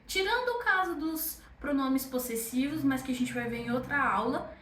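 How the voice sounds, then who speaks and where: A woman's voice: high voice, moderate pace, a bit bright, recorded from a distance, a little hiss or hum. Chatty Brazilian woman teaching French. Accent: Brazilian Portuguese. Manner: chatty, encouraging, says "ok?" often. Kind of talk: online language lesson. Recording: echoey room, voice off-mic.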